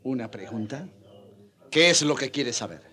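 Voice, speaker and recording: In a radio drama, a male actor plays a stern, pious Spanish chaplain who preaches with urgency. His husky, medium-pitched voice is animated and sharp, at a moderate pace.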